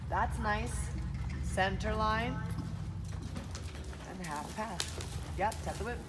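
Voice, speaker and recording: A woman works as a riding coach in a large indoor arena. She projects brisk commands, repeating cues in rhythm and adding short praise. Clear background noise and hoofbeats surround her medium-pitched voice. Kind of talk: live dressage riding instruction. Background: horse hoofbeats and arena ambience.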